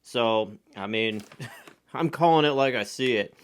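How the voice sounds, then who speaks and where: A man's voice: mid-range voice, unhurried, clean tone. A man casually reviewing candy for viewers, eating sour candy as he talks and reacting to the sourness.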